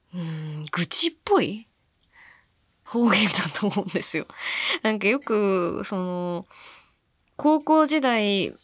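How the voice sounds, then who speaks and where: A woman from Fukuoka hosting a radio show, chatting casually and musing aloud, with soft-spoken asides between her points and listener mail. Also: mid-range voice, no echo. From Fukuoka, Japan. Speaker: radio host.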